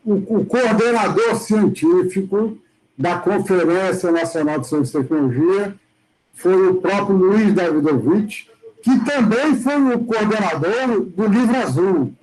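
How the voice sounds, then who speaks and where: High-voiced polite moderator, man. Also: unhurried, darkish tone, low-quality recording. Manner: polite interjection, formal. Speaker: session moderator.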